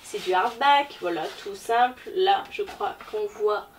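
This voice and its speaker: A woman's voice: medium pitch, a little slow. A woman presenting a casual book haul vlog, chatty and hesitant with lots of fillers. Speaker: book vlogger. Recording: distant mic, faint background noise.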